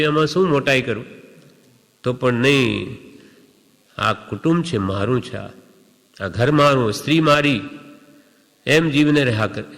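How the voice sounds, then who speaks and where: A man giving a devotional discourse who chants lines of verse slowly and then explains them in plain speech. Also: on the high side, a bit bright, big-room sound. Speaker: Jain religious speaker.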